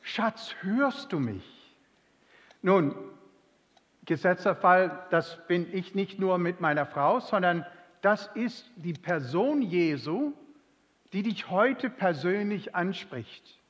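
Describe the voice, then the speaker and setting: Guy preaching slow n emphatic, kinda high voice, long church echo. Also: expressive, lo-fi sound. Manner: slow, emphatic preaching, dropping to soft tones for quoted lines. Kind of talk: sermon with scripture reading. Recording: long hall reverb.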